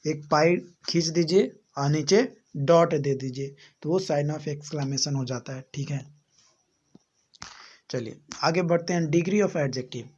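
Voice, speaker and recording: Slow, muffled Indian-accented male teacher. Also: a little high, a little mellow. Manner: explains slowly, repeats rules, asks rhetorical questions. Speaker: English teacher. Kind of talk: slow classroom explanation. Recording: muffled lo-fi recording.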